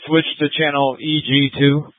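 A man's voice: a little high, flat delivery, unhurried, no room sound. A man making brief requests over a walkie-talkie radio. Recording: tinny dry radio line.

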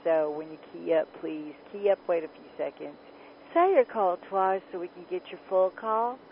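A woman's voice: on the low side, normal speed. A woman hosting a ham radio net, announcing casually and giving instructions. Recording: slightly noisy, dull lo-fi audio.

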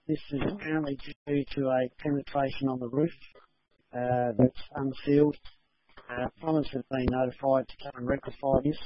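A male fire station officer passing orders over a two-way radio, in formal procedure speech with hesitant fillers. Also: medium pitch. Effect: two-way radio transmission. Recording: dull lo-fi radio with faint hiss.

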